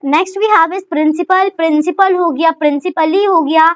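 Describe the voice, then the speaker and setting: High-voiced woman teaching shorthand step by step. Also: fairly even intonation, a little slow, dry recording. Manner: repeats "ठीक है" and asks rhetorical questions while writing. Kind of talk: step-by-step tutorial explanation. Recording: dry, dull lo-fi sound.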